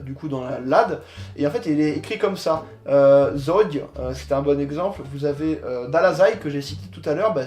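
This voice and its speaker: A young man hosting a casual explainer video in a laid-back, slangy way, with many filler pauses. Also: a little high. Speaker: host of a micronation channel. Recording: echoey room with faint background music.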